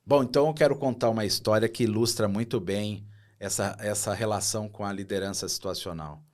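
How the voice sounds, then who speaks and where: A man's voice: fairly low pitch, a little fast. A middle-aged man, a podcast guest, telling a story with feeling and acting out the people in it. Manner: lively storyteller who acts out quoted dialogue. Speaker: guest, operations director.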